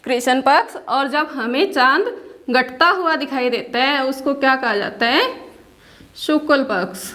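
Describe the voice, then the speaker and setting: A woman's voice: high voice, unhurried, bright, forceful tone. A woman teaching a school class, explaining patiently, asking questions and answering them herself, and mixing English words into her Hindi. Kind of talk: classroom lesson.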